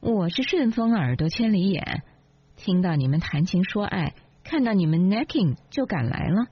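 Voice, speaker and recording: 一位女性朗读者演绎一个说话尖刻、满含讥讽、醋意十足的年轻妻子，嗓音略带沙哑。. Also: female voice, mid-range voice, big pitch swings, normal speed, slightly rough. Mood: sarcastic. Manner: sarcastic, cutting. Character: sharp-tongued jealous young wife. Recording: dull lo-fi, dry.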